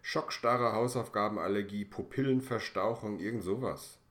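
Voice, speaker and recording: A man's voice: lowish voice, moderate pace, a bit bright, voice pushed up, close to an everyday voice. A man voicing a flippant, breezy teenage girl cousin in a read-aloud storybook.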